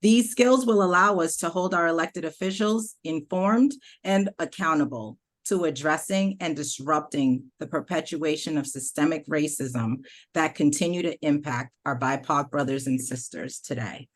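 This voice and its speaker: A woman with a low voice hosts an online training session. She reads a formal, scripted overview for the participants. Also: normal speed. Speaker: event host. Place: online meeting.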